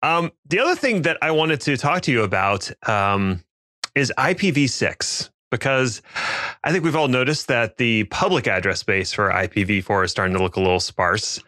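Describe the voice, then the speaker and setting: Bright-voiced man hosting, very dry sound. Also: medium pitch, expressive, moderate pace, no echo. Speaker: podcast host. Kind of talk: casual tech podcast chat.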